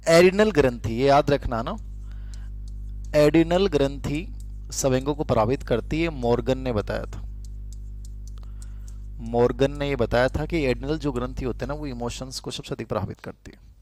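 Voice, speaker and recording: A man's voice: mid-range voice, moderate pace, pauses often, darkish tone, no room sound. A middle-aged man, teaching a lecture in a conversational way and repeating key terms so students can write them down. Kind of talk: classroom lecture with dictation.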